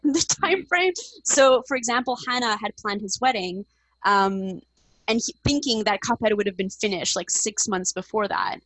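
Woman, interview guest, chatty, upbeat, filler-heavy, mid pitch, dry close recording. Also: fairly bright tone, no echo, low-quality recording. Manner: chatty, upbeat, many fillers like "like" and "um", laughs often. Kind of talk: casual podcast interview.

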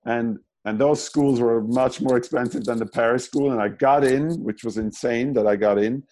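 A man's voice: mid-range voice, normal speed, dark tone, low-quality recording. A man from German-speaking Switzerland, an animator guest in a casual interview, who talks in a rambling way with many restarts and fillers.

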